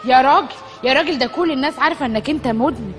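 An actress playing a fed-up, scolding Egyptian wife in broad TV sketch comedy. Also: female voice, sits high, racing, long reverb tail, soft background music, lightly acted.

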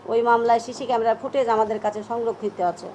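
A woman's voice: fairly high pitch, fairly even intonation, fast, warm tone, a little hiss or hum. A middle-aged woman with a Bangladeshi Bengali accent speaking at a press conference, first reading a statement, then recounting events emphatically. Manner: emphatic, agitated retelling.

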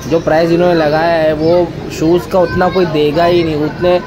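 Talking briskly and evenly over music, a young man with a slightly high voice narrates a relaxed vlog. He goes from sitting in his car in traffic to a busy shopping mall, commenting on the traffic and the crowds as he shops, while loud crowd and street noise fill the background.

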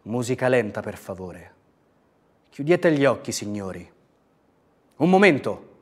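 A man voicing a pompous young man who shouts mock sermons, loud and theatrical. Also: mid-range voice, sing-song, measured pace, slightly rough. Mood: mock-preaching.

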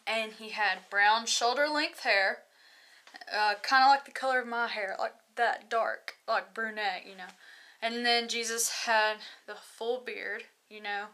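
A woman's voice: a little high, unhurried, bright, forceful tone. A young woman, telling a personal story in a loose, rambling way, with many fillers. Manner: loose, rambling, many likes and you knows. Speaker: video host. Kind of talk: casual testimony.

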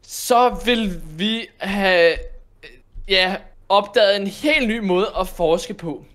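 Rambling young man gaming. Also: sits high. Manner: rambling, hesitant, full of fillers, bursts into excited shouts. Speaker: co-host of a gaming channel. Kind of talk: Minecraft let's play with role-play.

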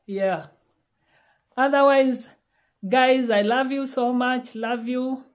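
Here a woman in her sixties from Kenya speaks slowly in a high voice with fairly even intonation. She's doing a casual vlog at home in a small indoor space, talking to a phone camera at arm's length while pleading and repeating her words.

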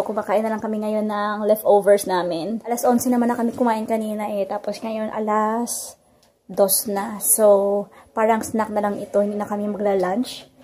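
A woman in her thirties vlogs her day at home and in the backyard, chatting to a handheld phone camera while doing chores. Her voice is medium-pitched with a dark tone, with slight background noise, and the casual vlog stays chatty throughout.

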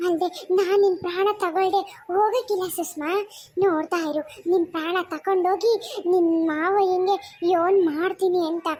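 A woman voicing a vengeful female spirit in a cartoon, who speaks in low, menacing threats. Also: steady tone, normal speed, a little mellow.

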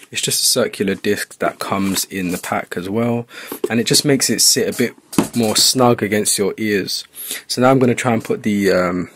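Working at a wooden table in a home room, a low-voiced man gives a relaxed how-to tutorial. His narration is informal, a vlogger thinking aloud as he goes.

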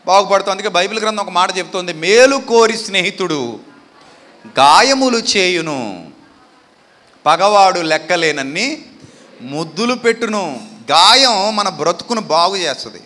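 High-voiced, bright, emphatic male preacher. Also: lively intonation, normal speed, pauses often. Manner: rhetorical questions to the congregation, rising to emphatic declarations. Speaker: pastor. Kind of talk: sermon. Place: church stage. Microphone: handheld mic.

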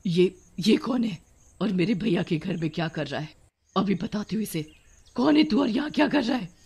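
A woman's voice: lowish voice, normal speed, lightly acted. A woman voicing a young woman turned witch in a cartoon story, tearful and fiery by turns. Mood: furious. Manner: tearful, then scolding and fiery.

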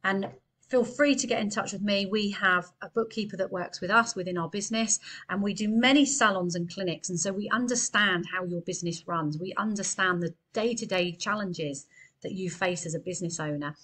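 In a small room, a thirty-something accountant addresses her webcam with earnest, talkative business tips, her hands gesturing as she goes. Her voice is mid-range and a bit bright, at a moderate pace.

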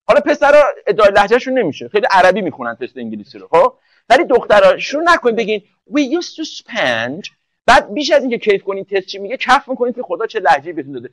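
A man's voice: high voice, no echo, poor audio. A man teaching English for an entrance exam in a live online class, joking and speaking directly to students one by one.

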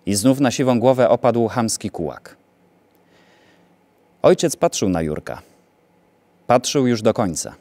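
A theatre actor reciting a poem with a grave, deliberate delivery. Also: male voice, mid-range voice, very animated, dark tone, dry recording. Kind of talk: dramatic poetry recitation.

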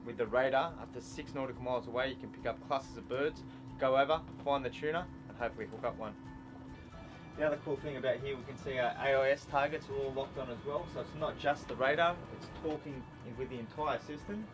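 An enthusiastic Australian man in his thirties shows off gear from an open boat deck, in a voice of everyday pitch. He talks easily and keeps things upbeat. Music plays clearly under his voice. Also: low-quality recording. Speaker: fishing show host. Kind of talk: casual product demo.

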